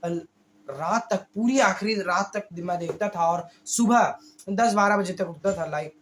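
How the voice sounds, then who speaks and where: A male YouTube creator with a hoarse voice, giving a casual motivational monologue slowly, often stumbling and correcting himself. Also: sits high, a bit bright, slight background noise. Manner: talks slowly on purpose, with frequent slips and self-corrections.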